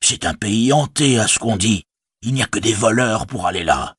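A man voicing a chatty, fretful stout innkeeper who rambles and exclaims, with a husky voice. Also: on the low side, normal speed, dry recording, studio quality, voice pushed up. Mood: wary.

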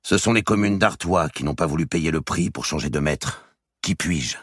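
Man doing a weary medieval king in a storybook reading, very deep husky voice, measured and grave. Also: no room sound, studio quality. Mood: pleading. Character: weary earnest medieval king pleading with kin.

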